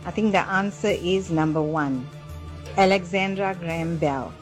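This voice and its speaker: A woman's voice: fairly low pitch, measured pace, soft background music. A woman giving a courteous quiz answer in a recorded voice message played on a radio show. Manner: polite and courteous. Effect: recorded voice message played on air. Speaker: radio listener.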